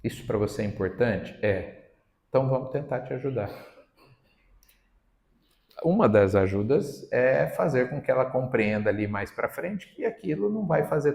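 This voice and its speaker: A man's voice: mid-range voice, a little mellow. Brazilian male lecturer, chatty teaching tone, echoey hall. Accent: Brazilian Portuguese. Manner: conversational, often adds tag questions. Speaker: lecturer at a spiritist center. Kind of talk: Sunday spiritist talk. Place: hall of a spiritist center. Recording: roomy hall sound.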